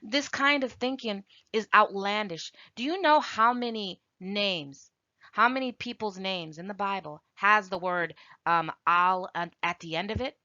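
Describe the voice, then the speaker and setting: A woman's voice: mid-range voice, unhurried, bright, forceful tone, no echo, highs cut off. A woman giving an informal video lesson on a language, arguing her points firmly with rhetorical questions. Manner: emphatic, rebutting with rhetorical questions. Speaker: language teacher.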